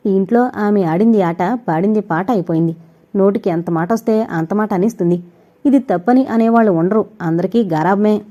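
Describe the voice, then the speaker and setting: A woman's voice: medium pitch, fairly quick, dark tone, natural voice. A woman voicing a gossipy forty-year-old male servant who confides household rumours. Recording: dull lo-fi recording.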